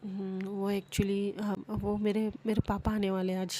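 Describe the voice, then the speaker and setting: A woman's voice: mid-range voice, little pitch movement, measured pace, warm tone, a little hiss or hum, lightly acted. A woman voicing a nervous, shy young woman who stammers and hesitates often. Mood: hesitant.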